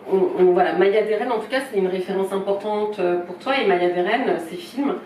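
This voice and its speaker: Speaking briskly in a mid-range, slightly mellow voice, a woman presents a filmmaker to a small gathering in a film shop's event room. She's informal, apologetic and unsure, starting over many times. A distant mic picks up a roomy sound and faint noise.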